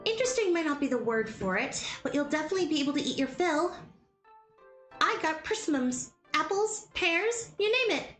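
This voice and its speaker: A woman voicing a sharp-tongued, prickly fifteen-year-old village girl in a visual novel, scolding and indignant. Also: sits high, big pitch swings, brisk. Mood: indignant, proud. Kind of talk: visual novel character acting. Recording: roomy echo, music behind the voice.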